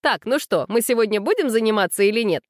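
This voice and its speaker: A woman reading aloud and voicing a brisk, curt woman who trains riders, scolding and giving orders. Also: a little high, animated, no room sound, clean studio sound, voice pushed up, natural voice.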